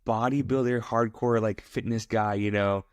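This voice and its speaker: A male podcast host with a lowish voice, hyping up his guest in loose, slangy talk. The sound is close and dry, with no room around it. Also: steady tone, moderate pace, clear, resonant tone, dry recording. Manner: hyped, slangy, calls guest "my boy" and "my brother". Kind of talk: casual podcast interview.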